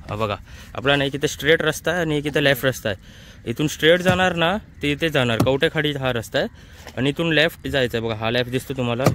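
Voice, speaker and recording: This vlogger has a Mumbai accent and a mid-range, fairly bright voice. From a small open boat on a creek, he offers relaxed commentary, repeatedly showing viewers what's around. A handheld phone captures the noisy outdoor audio.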